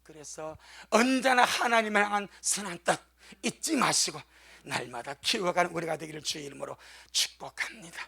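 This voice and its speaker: A man's voice: on the high side, normal speed, gravelly, pushed and bright, slightly rough. A middle-aged male pastor preaching a sermon, telling folksy stories and rising into emphatic blessings.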